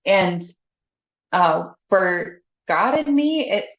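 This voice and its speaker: A woman's voice: mid-range voice, expressive, very slow. Chatty woman in an echoey room. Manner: chatty, candid, laughs often, leans on "like". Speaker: podcast guest, faith coach. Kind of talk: casual conversational interview. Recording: echoey, slightly dull podcast audio.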